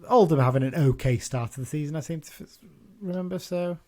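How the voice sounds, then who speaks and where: A man's voice: a little high, fairly quick, darkish tone. A man hosting a casual football podcast, chatting loosely with frequent restarts and self-corrections. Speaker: podcast host.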